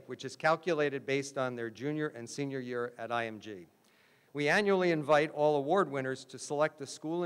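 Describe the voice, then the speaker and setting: Guy on the mic at a school graduation, formal and measured, big hall echo behind him. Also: medium pitch, clear, resonant tone. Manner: measured, explanatory, addressing an audience. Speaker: school official hosting a graduation ceremony. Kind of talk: formal ceremony announcement. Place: large graduation ceremony venue. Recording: long hall reverb.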